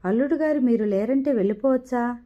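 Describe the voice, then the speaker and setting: Casting: secretive old maid whispering gossip, read by a woman, higher voice, muffled recording. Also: fairly quick, lightly acted. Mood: confiding. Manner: hushed, confiding. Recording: dull lo-fi recording.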